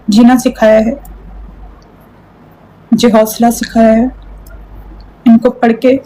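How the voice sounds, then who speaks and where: A woman's voice: a little high, mellow, slight background noise, poor audio. A young woman on a live stream, talking earnestly and pleadingly and repeating herself. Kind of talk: emotional live-stream chat.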